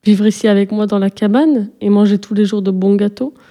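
A woman narrator voicing a lonely old female witch in a storybook, speaking softly and pleadingly. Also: mid-range voice, steady tone, fairly quick, natural voice. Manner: soft, pleading.

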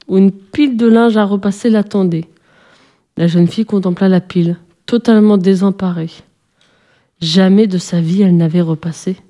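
A woman narrating a children's storybook in a gentle, expressive reading voice. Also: medium pitch.

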